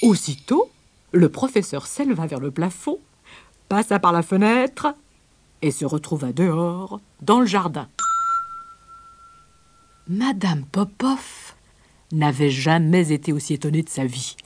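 Expressive woman narrating a children's story. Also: lowish voice, unhurried, long pauses, breathy edge, no echo. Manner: gentle, expressive read-aloud.

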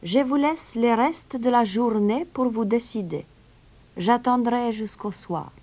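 A woman voicing a calm, sly young male stranger who plays the pipe, speaking softly and slowly in a storybook reading. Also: fairly high pitch, pitched above the performer's own voice. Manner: calm, soft, drawn-out.

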